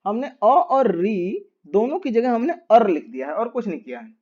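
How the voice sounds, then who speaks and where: A man's voice: high-pitched, very animated, normal speed, a little mellow, lo-fi sound. A man teaching a grammar lesson, patiently repeating each step and asking rhetorical questions as he writes on a board.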